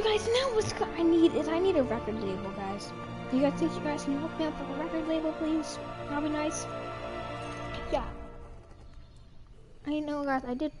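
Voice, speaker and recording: A young woman livestreaming, singing along to a song and then chatting with her viewers. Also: high-pitched. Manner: sings along to music, then chats quickly with viewers. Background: music playing.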